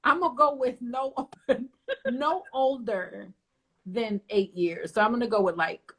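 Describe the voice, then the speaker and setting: A woman's voice: fairly high pitch, measured pace, a bit bright, breathy edge. A woman in her forties on a podcast panel, joking around in a playful, casual way. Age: 40s.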